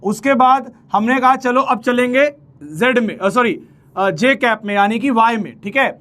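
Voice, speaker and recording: A man teaches a relaxed math lesson. He chats playfully with his students, counts steps out loud as he draws, and keeps calling them brother. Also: very high-pitched, moderate pace. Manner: chatty, playful, talks to students as "bhai"; counts steps aloud while drawing. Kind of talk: casual Hinglish math lecture.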